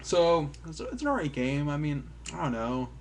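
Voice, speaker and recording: A man's voice: on the high side, sing-song, normal speed, background noise. Rambling, offhand male game reviewer. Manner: rambling, filler-heavy, offhand and self-deprecating; swears casually.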